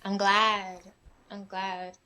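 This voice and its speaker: A young New York woman, appearing as a guest musician, chats relaxedly in a casual interview, leaning on fillers like "um" and "like." Her mid-range voice moves very slowly, and sirens sound at times in the background.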